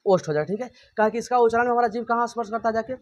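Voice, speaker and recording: A man's voice: very high-pitched, racing. A man teaching a grammar lesson. He keeps asking and answering his own questions and repeats every point.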